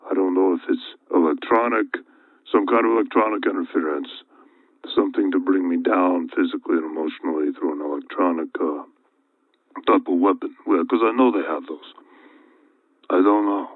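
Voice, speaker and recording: An older man who is losing his voice, talking to his viewers in a worried, halting monologue full of restarts and repeated words. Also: deep voice, no room sound. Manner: anxious, repetitive, halting restarts. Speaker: video channel host. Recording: tinny phone-like dry audio.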